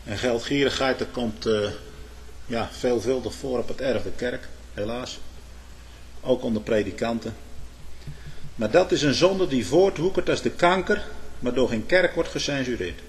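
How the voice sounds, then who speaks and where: Emphatic male preacher, lively pitch. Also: normal speed, slight background noise. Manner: emphatic preaching with sudden swells in loudness and pitch; addresses listeners with "hoor" and "hm?". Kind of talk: sermon.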